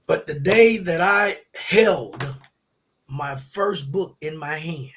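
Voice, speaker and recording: A middle-aged man telling a story in a colloquial, animated way, often acting out the people he quotes. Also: fairly high pitch, slow, slight background noise. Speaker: podcast guest. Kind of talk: casual storytelling.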